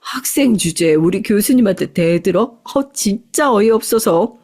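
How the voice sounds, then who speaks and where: A woman's voice: medium pitch, lively intonation, normal speed, a little mellow, close to an everyday voice. A woman doing jeering young salon staff. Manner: jeering, sarcastic.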